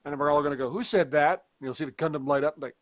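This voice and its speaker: A man's voice: a little high, level tone, no echo. A man co-hosting a casual podcast, talking emphatically and joking around. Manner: emphatic, joking, quick to laugh. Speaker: podcast co-host. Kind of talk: casual chat.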